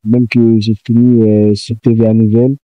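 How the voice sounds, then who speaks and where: A man's voice: on the low side, flat delivery, normal speed, dark tone, dry recording, lo-fi sound, soft background music. A young man from Congo, a guest giving his testimony in brief, plain answers. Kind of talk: testimony interview.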